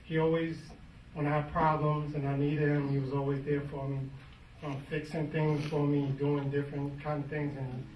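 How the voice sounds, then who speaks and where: A grandson speaks at his grandfather's funeral in a halting way, stopping and starting again. His voice is slightly higher than most men's. He is heard from far off in a roomy space, with clear background noise. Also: flat delivery, a little mellow. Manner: halting, with fillers and restarts. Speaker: grandson of the deceased. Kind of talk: funeral tribute speech.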